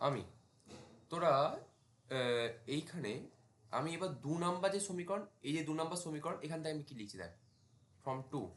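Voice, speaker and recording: A man's voice: fairly high pitch, lively intonation, normal speed, pauses often, roomy sound. Man teaching a math class. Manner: talks students through steps while writing, asks them checking questions. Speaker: math tutor. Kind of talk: casual classroom lecture.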